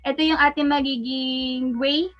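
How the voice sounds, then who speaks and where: Hosting a casual live webinar, a woman with a Filipino accent speaks politely at a normal speed in a high, steady voice, thanking attendees along the way. The audio comes through an online video call and sounds muffled.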